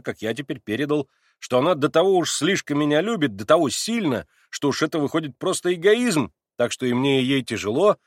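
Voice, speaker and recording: A man reading a novel aloud and voicing an excitable young man who pleads and defends himself in a raised, plaintive voice. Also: fairly high pitch, dry recording, clean studio sound, pitched above the performer's own voice. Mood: plaintive, insistent. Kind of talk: audiobook character reading.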